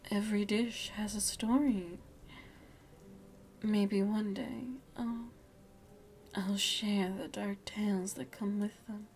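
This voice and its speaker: Playing an aristocratic vampire lady for ASMR, a woman speaks formally and intimately with teasing, veiled menace, her breathy voice often dropping to a whisper. Her mid-range voice is flat and darkish, slow with long pauses, and there's a slight hiss or hum.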